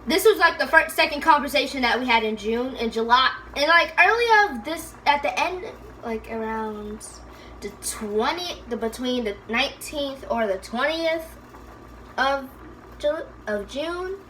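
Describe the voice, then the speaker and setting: Bright-voiced young woman vlogger. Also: sits high, animated, measured pace, a little hiss or hum, poor audio. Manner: rambling, self-correcting storytelling. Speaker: cooking vlogger. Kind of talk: casual chat while cooking.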